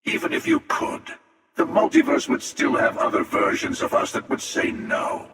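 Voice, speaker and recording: An actor playing a menacing, arrogant, world-weary hunter villain in a video game, with a gravelly voice and a deliberate, sardonic delivery. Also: male voice, very high voice, steady tone, a bit bright, full character voice. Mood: measured, pragmatic. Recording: echoey, long reverb, distant.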